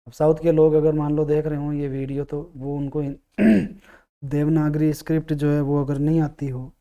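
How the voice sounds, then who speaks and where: A man teaching English grammar, explaining patiently, repeating key words and sounding out vowels slowly. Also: fairly high pitch, level tone, warm tone. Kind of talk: classroom-style explanation.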